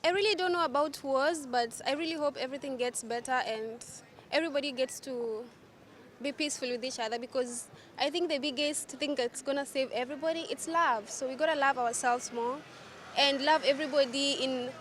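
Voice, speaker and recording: A young woman from Kenya answering a street interview outdoors, earnest and relaxed. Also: high voice, brisk, slight background noise.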